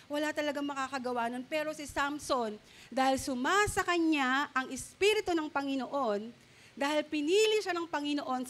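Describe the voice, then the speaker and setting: A middle-aged woman pastor with a high-sitting voice delivers an animated sermon in Filipino sprinkled with English words. She asks the congregation questions as she preaches.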